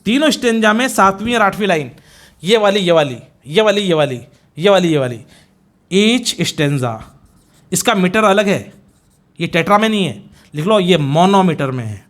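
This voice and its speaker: Speaking at normal speed, a Hindi-accented Indian man with a notably high voice explains a poem for a competitive exam, switching between Hindi and English. His steady teaching drills students through line counting and repeated likely questions.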